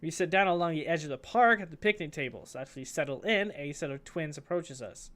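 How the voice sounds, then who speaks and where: Young man, high bright voice, reads game text aloud, joking asides, animated. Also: a little fast. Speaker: streamer. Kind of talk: reading a visual novel aloud with commentary.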